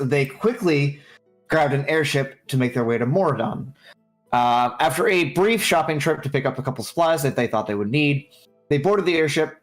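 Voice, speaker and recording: A young man acting as game master, narrating a tabletop game on a livestream while filling pauses with ums and uhs. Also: on the high side. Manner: scattered, frequent ums and uhs.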